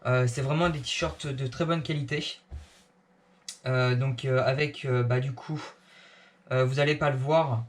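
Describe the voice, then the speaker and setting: A man's voice: medium pitch, steady tone, a little slow, long pauses. A man casually reviewing clothes he bought, with many fillers and restarts.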